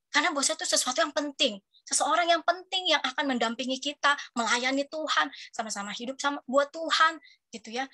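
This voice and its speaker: A woman in her thirties preaching to young people in a lively, chatty way. Her voice sits high and sounds bright and forceful. She keeps asking the room questions to draw them in. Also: a little fast. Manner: animated and chatty, asks the audience questions. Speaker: youth preacher. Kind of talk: lively youth sermon.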